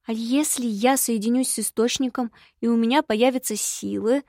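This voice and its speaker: A woman voicing a spirited young heroine in an audiobook, brisk and insistent. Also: a little high, steady tone, darkish tone, no room sound, studio quality, close to an everyday voice. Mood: pressing.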